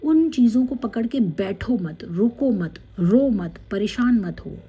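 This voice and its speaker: A woman tarot card reader, gently guiding viewers through a spiritual card reading, with many fillers. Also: a little high, expressive, husky. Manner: slow, gentle guidance with many fillers, reading card messages aloud in English.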